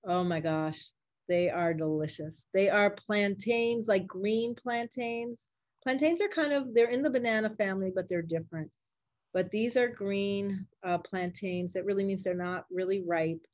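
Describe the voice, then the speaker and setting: An older woman, a grandmother and doctor of Puerto Rican origin or family who grew up speaking Spanish and English, answers interview questions casually. She uses simple, encouraging words aimed at children. Her medium-pitched voice has a darkish tone and a measured pace, and the recording is dry.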